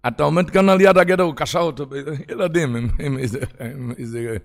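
A man giving a religious lecture, telling parables and acting out their characters, moving between hushed and loud. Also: fairly high pitch, gravelly. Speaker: rabbi.

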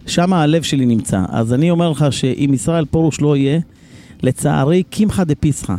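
A man who is a deputy mayor, a guest on live radio, making an emphatic campaign pitch and repeating phrases to stress them, speaking from a car on city streets. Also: dark tone, slight background noise.

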